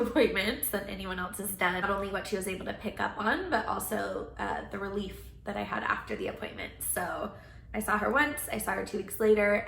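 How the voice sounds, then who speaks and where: Young woman venting in a video diary, fry in her voice, roomy sound. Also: medium pitch, fairly bright tone. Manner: chatty, frank, laughs while venting. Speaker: vlogger. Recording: roomy echo, faint background noise.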